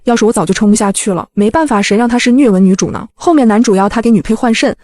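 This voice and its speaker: A woman narrating a comedic web novel as a scripted audiobook, playful and lively, slipping into character voices. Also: a little high, racing, no echo.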